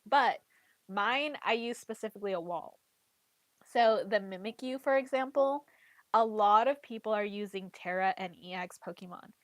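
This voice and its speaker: A woman with a mid-range voice chats casually at a normal speed about playing a card game, and there's no echo. She's a trading card game player and content creator who sounds congested as she gets over a cold, and she says "like" and "literally" constantly.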